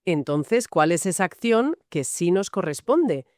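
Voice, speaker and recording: A woman's voice: fairly low pitch, very animated, unhurried, darkish tone, no echo, studio quality. A woman from Spain co-hosting a Bible study podcast, asking and clarifying points. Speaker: podcast co-host.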